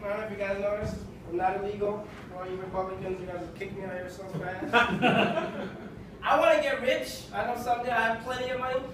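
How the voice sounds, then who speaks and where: A man's voice: high voice, fairly quick, background noise. Wry young man doing stand-up from Kenya. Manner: wry, conversational delivery with deadpan punchlines. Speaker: stand-up comedian. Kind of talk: stand-up routine. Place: small comedy club stage. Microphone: handheld mic, filmed from far in the audience. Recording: echoey club from far off with audience laughter.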